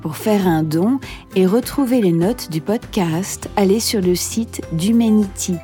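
A woman podcast host and meditation coach gives a calm scripted introduction in measured phrases. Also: mid-range voice, soft background music.

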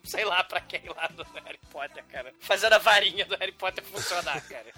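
A Brazilian man with a high, very bright voice hosts a loose film-review chat. He jokes crudely and laughs often, with faint music underneath. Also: a little fast.

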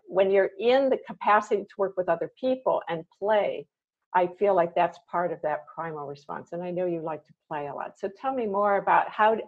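A woman with a lowish voice talks in an unhurried, reflective way, circling her thoughts with plenty of fillers. The sound is dull and lo-fi, as if recorded on a modest setup. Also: breathy edge. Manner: reflective, rambling with many fillers. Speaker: host. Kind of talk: casual conversation.

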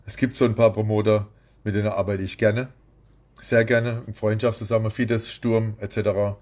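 A man's voice: fairly low pitch, flat delivery, moderate pace, darkish tone. A man who is a boxing promoter, talking bluntly and rambling as the guest in an interview. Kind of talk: casual interview.

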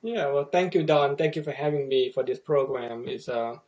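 A man's voice: mid-range voice, fairly even intonation, normal speed, darkish tone, lo-fi sound. A middle-aged man from Thailand, a native Thai speaker, telling his story as a podcast guest with many restarts and fillers. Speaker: guest photographer. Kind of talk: casual interview storytelling.

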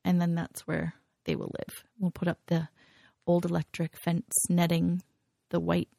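Low gravelly woman, giggly and rambly, mellow tone, dry close sound. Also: completely flat delivery, measured pace, no room sound. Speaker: podcast co-host. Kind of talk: casual chat.

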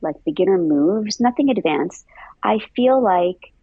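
Woman, dance-teacher trainer, husky and unhurried, thinks aloud; dry, slightly muffled recording. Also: medium pitch, lively intonation, dry recording. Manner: thoughtful, repeats words, frequent "I feel" and "um". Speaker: dance instructor trainer, interview guest. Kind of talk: conversational interview answers.

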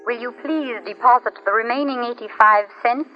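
An actress playing a brisk, polite long-distance telephone operator, heard through a payphone line in 1940s radio-drama style, with crisp, formal phrasing. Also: female voice, a little high, faint music behind. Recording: dull lo-fi old radio recording.

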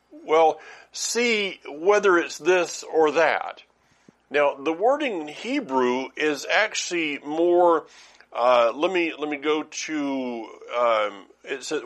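A man's voice: medium pitch, fairly bright tone. A middle-aged man giving an informal Bible teaching, talking conversationally with many restarts and fillers.

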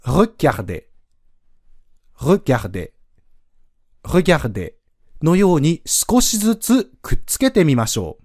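A man's voice: high voice, very animated, moderate pace, few pauses, mellow, no room sound, studio quality. A man teaching a pronunciation lesson on a podcast, explaining patiently step by step and demonstrating sounds aloud. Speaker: French language teacher.

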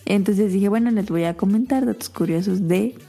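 A woman, co-hosting a podcast and telling a chatty, animated anecdote in a casual way. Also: mid-range voice, moderate pace, gravelly, soft background music. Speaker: podcast co-host. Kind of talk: casual storytelling chat.

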